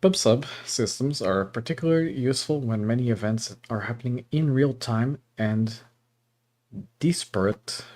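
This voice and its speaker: During his relaxed coding stream, the young Portuguese host alternates between reading course material aloud and chatting with viewers, laughing a lot. His voice is mid-range and darkish, delivered at a moderate pace, and his accent is partly Portuguese and mixed.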